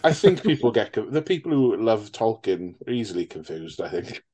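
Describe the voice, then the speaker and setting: A man's voice: lowish voice, very animated, brisk, mellow, slightly rough. A man co-hosting a casual film podcast, jokey and sweary, rambling through his points. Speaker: podcast co-host. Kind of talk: casual chat.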